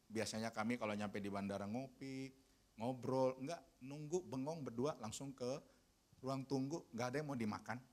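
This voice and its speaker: A man preaching a sermon as pastor, telling a personal story in an animated way that grows loud and emphatic. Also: medium pitch, normal speed.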